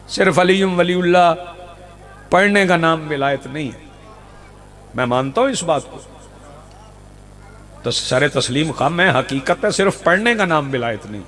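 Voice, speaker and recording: Pakistani male preacher, high voice, rhetorical outdoor sermon with repetition. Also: a bit bright. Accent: Pakistani Urdu. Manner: rhetorical, repeats lines for emphasis, rouses the crowd. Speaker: Shia preacher. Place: outdoor religious gathering.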